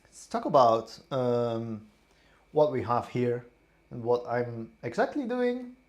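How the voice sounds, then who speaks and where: Slow-talking tipsy young man. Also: mid-range voice, lively intonation. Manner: rambling, halting, repeats words. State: tipsy and queasy. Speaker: streamer. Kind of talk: casual vlog, taste testing.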